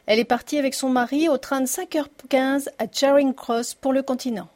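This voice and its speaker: Sardonic elderly housemaid, pitched high and thin, read by a woman narrator. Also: steady tone, fairly quick, darkish tone, natural voice. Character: sardonic elderly female servant. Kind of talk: audiobook reading.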